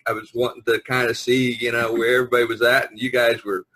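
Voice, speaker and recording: On this video-call podcast, the American host, also a visual artist, keeps things casual, chatty and joking while nudging his guests forward. He talks fast at a medium pitch with flat delivery and a fairly bright, breathy tone. It's recorded over an online conference call.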